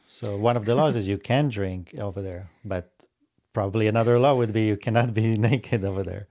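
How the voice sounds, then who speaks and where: A man who is a regular on the podcast, calmly explaining his point in casual chat. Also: on the low side, brisk.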